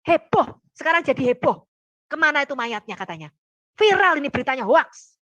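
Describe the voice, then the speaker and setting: A woman's voice: high-pitched, big pitch swings, brisk, fairly bright tone, no room sound. A woman preaching in a casual Bible teaching talk, blunt and joking, acting out the disciples' lines in shifting voices.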